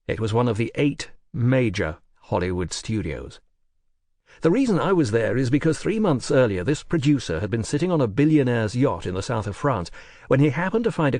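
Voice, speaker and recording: A man narrating an audiobook in a measured, wry and precise manner, recorded close in a studio. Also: medium pitch, darkish tone, no echo.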